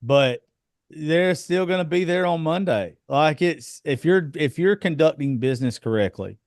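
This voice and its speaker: A man's voice: a little high, animated, normal speed, darkish tone, no room sound, clean studio sound. A man in his thirties chatting bluntly on a podcast, swearing freely and telling stories from his home life. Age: 30s. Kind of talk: casual chat.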